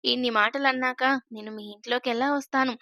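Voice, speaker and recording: A woman's voice: high-pitched, steady tone, brisk, gravelly, sharp tone, dry recording, clean studio sound, heavily acted. A woman voicing a playful, mischievous young man in a storybook reading, joking and teasing.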